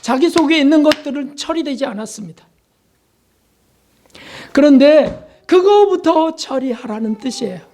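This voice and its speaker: A man, a pastor, preaching a sermon in an earnest conversational way, asking the congregation questions and acting out prayers in a softer voice. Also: lively intonation, normal speed, pauses often, slight background noise. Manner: shifts into quoted prayers, softer and lower, at times whispered.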